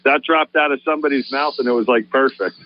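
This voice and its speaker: A man's voice: medium pitch, quick pace. A man who runs a fishing charter, a guest on a radio show, explaining things in an easygoing way with lots of fillers. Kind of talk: casual radio interview. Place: radio studio. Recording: dry, dull lo-fi radio audio.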